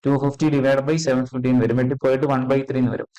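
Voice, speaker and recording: A man teaching an exam-prep physics lesson, checking in constantly with quick questions and repeating key terms. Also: medium pitch, flat delivery, dark tone, rough recording.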